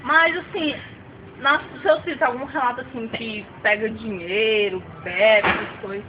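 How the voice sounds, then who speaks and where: A calm, formal police officer, put on by a woman speaks in a soothing, measured way. The voice sits lower and quieter than her usual talk. The recording is dull and lo-fi, with steady background noise. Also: lightly acted. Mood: calm reassuring.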